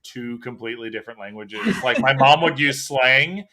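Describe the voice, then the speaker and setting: A man hosting a casual podcast chat, telling stories in an animated, talkative way. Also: medium pitch, moderate pace, a crowd in the background. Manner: chatty, animated storyteller. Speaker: podcast host.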